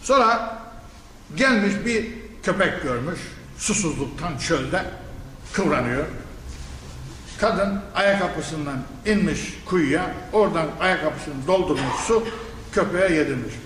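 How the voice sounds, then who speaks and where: High pitched guy preaching a quran lesson, scolding and fired up, lots of rhetorical questions, big echoey hall, faint background hum. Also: slow. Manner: animated, scolding, rhetorical questions, laughing scorn. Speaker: Quran commentary teacher. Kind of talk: tafsir lesson sermon.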